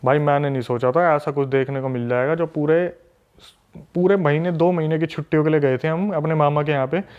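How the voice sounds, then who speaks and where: A podcast guest, a man from a city, telling a story in an animated, emphatic way with lots of repetition. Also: fairly high pitch, fairly quick, smooth. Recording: dull lo-fi recording.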